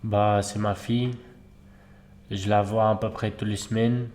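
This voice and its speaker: A man's voice: fairly low pitch, little pitch movement, a little slow, darkish tone, close to an everyday voice. A man playing a father in his fifties, brief and plain-spoken. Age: 50s.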